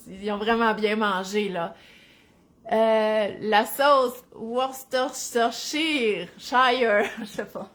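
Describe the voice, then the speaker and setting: A woman in her thirties with a Saguenay Quebec French accent, chatting casually to viewers, laughing easily and filling pauses. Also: mid-range voice. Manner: chatty, warm-hearted, laughs easily, many fillers. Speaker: family lifestyle vlogger.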